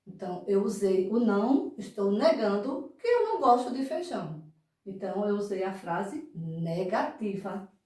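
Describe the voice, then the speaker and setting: A woman's voice: mid-range voice, sing-song, moderate pace, mellow, distant mic. A woman teaching young children a grammar lesson with a Brazilian Portuguese accent, patient and repetitive, checking understanding as she explains. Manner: patient, repeats points and checks with "né?" and "não é?". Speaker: primary school teacher. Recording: echoey room, voice off-mic.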